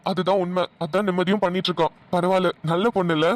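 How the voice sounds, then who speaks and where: A man voicing a kindly father of grown sons in a cartoon, talking quickly and agreeably. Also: high voice, flat delivery, dry recording, natural voice. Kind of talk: cartoon voice acting.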